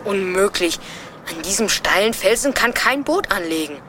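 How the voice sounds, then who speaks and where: A woman's voice: mid-range voice, animated, normal speed, noisy background, lightly acted. An actress playing a methodical young boy who leads his siblings in a children's audio drama, decisive and explanatory. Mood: planning, decisive.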